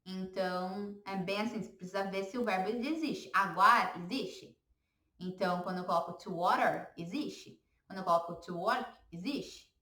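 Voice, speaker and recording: Bright-voiced woman teaching beginners. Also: medium pitch, moderate pace. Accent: Brazilian Portuguese. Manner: patient, repeats words for learners to echo. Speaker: English teacher. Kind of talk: beginner language lesson.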